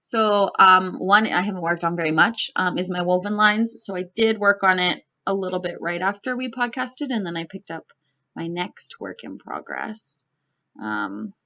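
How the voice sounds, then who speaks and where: Her voice is fairly low, bright and forceful: a young woman from Canada chatting loosely for her knitting vlog. The talk meanders, packed with "like" and "um," captured in a slightly muffled home recording.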